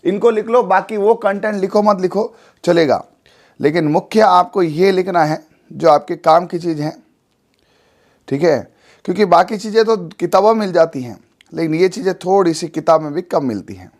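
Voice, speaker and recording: A man teaching an exam coaching class in a chatty way, asking and answering his own quick questions and repeating key points. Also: sits high. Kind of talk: classroom lecture.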